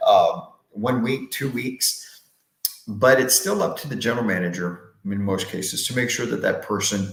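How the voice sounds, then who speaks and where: A man's voice: medium pitch, a bit bright. A man hosting a live sales training session, talking upbeat from a bare, unfurnished office that echoes, often restarting words and asking "right?". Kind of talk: live motivational sales talk. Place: brand-new empty, unfurnished office. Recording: echoey bare empty room.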